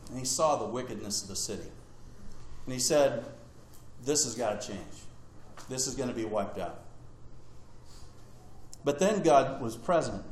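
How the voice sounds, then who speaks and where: A man's voice: mid-range voice, echoey room, slight background noise, poor audio. A man preaching a sermon, retelling scripture conversationally with humorous asides.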